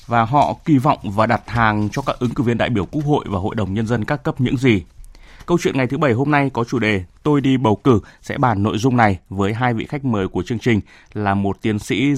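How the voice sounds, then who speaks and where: A man reads a scripted radio introduction. His voice is mid-pitched and recorded dry, with no room echo. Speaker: radio presenter introducing the show.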